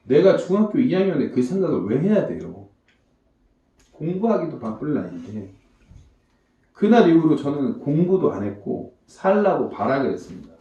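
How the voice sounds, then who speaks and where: Male comedian giving a church testimony, animated storyteller who acts out voices, mellow voice, recorded from afar in a reverberant church hall. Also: fairly high pitch, normal speed, far from the mic, lo-fi sound. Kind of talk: emotional testimony talk. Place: church hall before a congregation.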